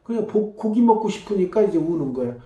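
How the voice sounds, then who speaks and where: A man's voice: sits high, big pitch swings, fairly quick, dark tone. A male pastor giving a sermon in a chatty, conversational manner, often tagging his points with a questioning "eh?". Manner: conversational, tags lines with rhetorical "eh?". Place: church. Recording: echoey church room.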